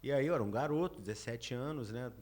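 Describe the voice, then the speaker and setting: Fifties male journalist, conversational, halting, mid-pitched. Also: darkish tone. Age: 50s. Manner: hesitant, repeats words as he recalls. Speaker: journalist, guest. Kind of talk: casual podcast chat.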